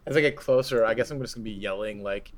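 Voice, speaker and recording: A man's voice: medium pitch, rapid-fire, slight background noise. A man playing a tabletop role-playing game, easygoing and polite as he declares his actions. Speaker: player. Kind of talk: casual tabletop game play.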